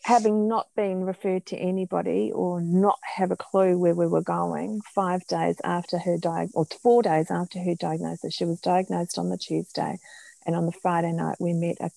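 Woman, New Zealand accent, middle-aged, very croaky voice, dry close sound, lively storytelling. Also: lowish voice, normal speed, no room sound, low-quality recording. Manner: animated storyteller who acts out quoted speech. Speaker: guest, mother. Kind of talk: personal storytelling in a podcast interview.

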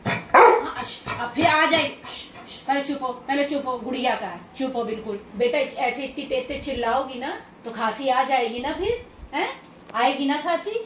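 A woman with a high voice chats to her pet dogs in coaxing baby talk, scolding them softly and laughing along the way. She is recorded at home. The room echoes, and she sits back from the mic with a faint hiss of noise behind her. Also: expressive, moderate pace, distant mic. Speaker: pet owner vlogger. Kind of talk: casual vlog, talking to pets.

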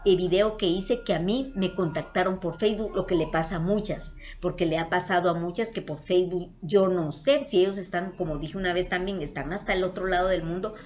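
A woman's voice: lowish voice, brisk, few pauses, darkish tone. Earnest Guatemalan woman telling a story. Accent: Guatemalan Spanish. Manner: affectionate, earnest, repeats herself, addresses viewers as "my loves". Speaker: vlogger. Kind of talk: casual storytelling to viewers.

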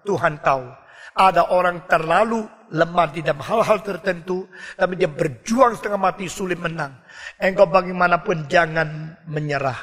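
Guy preaching, high bright voice, shouts the big words, long hall reverb. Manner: emphatic, rising to shouts on key words. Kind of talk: sermon.

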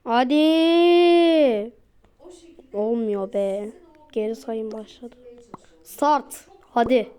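A woman giving casual, excitable commentary while playing a mobile game, repeating her cheers over and over. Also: fairly high pitch, extremely slow, long pauses.

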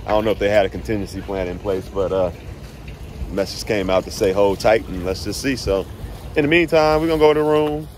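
Chatting to his son as he goes, an easygoing man in his thirties vlogs a road trip on a phone at arm's length, moving through the car, a hotel and the outdoors and repeating phrases. He talks a little fast in a somewhat low, slightly mellow voice, with slight background noise.

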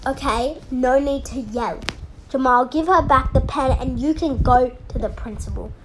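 A woman's voice: high-pitched, normal speed, natural voice. A woman voicing a strict, impatient female teacher who gives firm orders. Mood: scolding. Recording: noisy home recording.

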